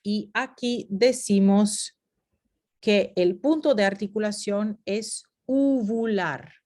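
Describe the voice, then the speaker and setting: A woman's voice: mid-range voice, takes it slowly, dark tone. A woman teaching a phonetics lesson over slides, explaining step by step and slipping into short English asides. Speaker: Spanish teacher.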